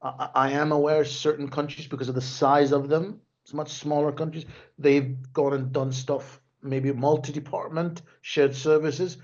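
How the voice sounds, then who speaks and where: Heard through a video call microphone with dull audio, this man's slightly high voice holds a level tone at a normal speed and sounds a little mellow. Raised in Denmark, the tech executive is a webinar guest on a remote call, speaking casually, restarting phrases and often saying "right?"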